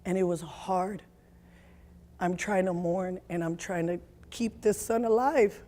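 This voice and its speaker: A woman in her forties giving a personal testimony as a mother, speaking in an earnest, emotional, halting way. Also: on the low side, steady tone, dark tone.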